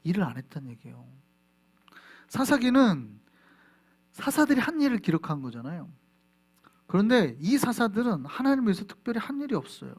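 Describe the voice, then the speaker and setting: A man preaching a Sunday sermon as pastor, lively, asking the congregation questions and answering them himself. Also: sits high, brisk, long pauses. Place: church sanctuary.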